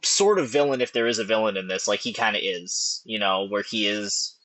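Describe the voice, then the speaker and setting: A man's voice: on the low side, a little fast, pushed and bright, no room sound, rough recording. A man co-hosting a film podcast, chatting casually and animatedly with lots of fillers and restarts. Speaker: podcast host. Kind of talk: casual film analysis chat.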